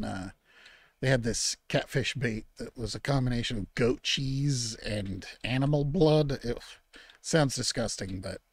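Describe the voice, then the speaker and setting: A man's voice: medium pitch, dry recording. Chill guy rambling thru his game, talks to himself, dry close mic. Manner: mock-outraged scolding at game animals. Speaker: gaming channel host. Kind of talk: relaxed let's-play commentary.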